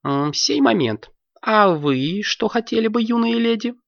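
A courtly café cat speaks slowly, humming before each offer, as a storyteller puts him on. His tone is raised and a little gravelly. It sounds dull and dry, like a lo-fi audiobook. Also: medium pitch, expressive, no room sound, voice pushed up. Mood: courteous.

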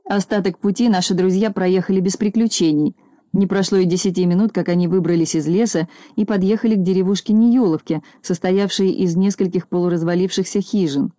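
A woman reads a children's storybook aloud with lively, expressive delivery. Her voice is mellow and warm, and the recording is close and dry with no room echo. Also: fairly low pitch, fairly quick. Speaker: narrator. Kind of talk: storybook reading.

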